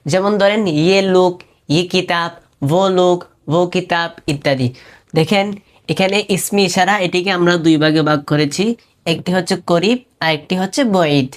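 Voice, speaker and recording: A woman teaches a beginner class in a low, steady voice. She goes through each term slowly and repeats it, often pausing to ask whether it is clear. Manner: patient, repeats terms slowly with frequent checks. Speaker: Urdu teacher. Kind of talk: step-by-step language lesson.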